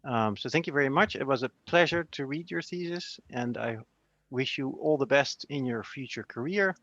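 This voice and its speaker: Man, dry muffled call audio, halting speech full of ums. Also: mid-range voice, no room sound. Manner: warm praise with frequent ums and restarts. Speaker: committee member. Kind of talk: congratulatory speech on a video call. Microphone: video call.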